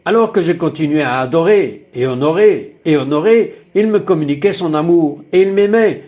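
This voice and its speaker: Lively, wondering man narrating a testimony. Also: fairly high pitch, moderate pace, dull audio. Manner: emphatic, exclaiming, full of wonder. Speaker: voice-over narrator of a personal testimony.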